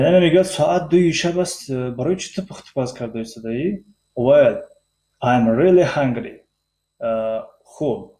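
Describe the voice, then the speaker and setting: A man with a Tajik accent teaching an English lesson, reading slow English phrases and explaining them quickly with many hesitations. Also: mid-range voice, vocal fry, a little mellow, echoey room. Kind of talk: language lesson explaining textbook dialogue.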